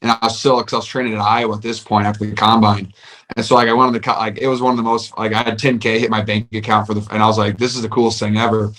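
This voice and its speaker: A man's voice: on the low side, flat delivery, rapid-fire, a bit bright. A man, a football player, chatting upbeat on a podcast, often saying "like". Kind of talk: casual chat.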